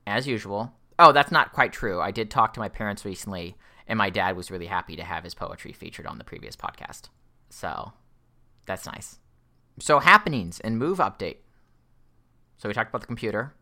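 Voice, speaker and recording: A man's voice: fairly low pitch, very animated, moderate pace, sharp tone. A young man co-hosting a casual podcast chat, rambling with lots of fillers and restarts. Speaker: podcast co-host.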